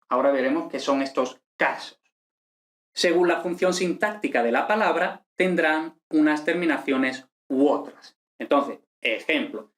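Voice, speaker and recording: A man gives an online lesson in a fairly high voice. He explains each point patiently and step by step. He keeps checking that the listener is following along. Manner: explanatory, checks in with frequent tag questions. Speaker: teacher of ancient Greek.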